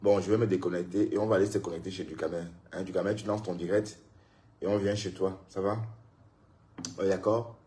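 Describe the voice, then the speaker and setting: Low-voiced man scolding on a live stream. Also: steady tone, brisk, dark tone. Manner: scolding, addresses viewers and critics directly. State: tired. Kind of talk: casual live-stream rant.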